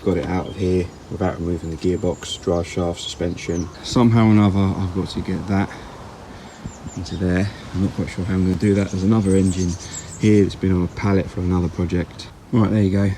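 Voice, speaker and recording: Low gravelly man narrating car repair. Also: little pitch movement, brisk, warm tone, slight background noise, poor audio. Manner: rambling, plain-spoken, self-correcting. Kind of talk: casual workshop commentary. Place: outdoors in a yard.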